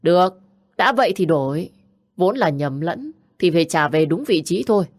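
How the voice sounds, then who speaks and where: An angry young man who sneers and barks his lines, read by a woman narrator. The voice sits low and close and dry. It is an audiobook character. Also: expressive, normal speed, no echo. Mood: scornful. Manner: harsh, mocking. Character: hot-tempered, sneering young man, a jilted husband.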